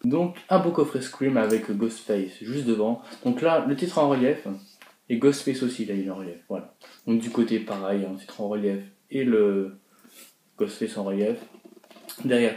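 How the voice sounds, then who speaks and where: A man's voice: lowish voice, normal speed, a little mellow. A young man talking casually in a haul video, rambling with lots of filler words and short chuckling asides. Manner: rambling, full of "voilà" and "donc euh" fillers, chuckling asides. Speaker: horror film collector vlogger. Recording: echoey room with faint noise.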